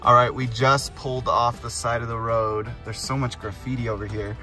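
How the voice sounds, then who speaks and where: A man's voice: mid-range voice, little pitch movement, normal speed, bright, forceful tone, soft background music. A man in his thirties vlogging a road trip into a handheld phone, upbeat and playful as he talks with his son. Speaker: vlogger, father. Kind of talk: casual road-trip vlog. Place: car, then outdoors in windy open country. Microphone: handheld phone selfie.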